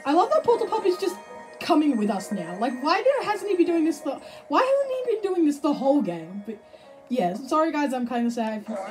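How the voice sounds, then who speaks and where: A woman giving casual let's-play commentary, excitable, swearing and shouting at the game, cooing baby talk to an in-game pet. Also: high voice, low-quality recording. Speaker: gameplay streamer.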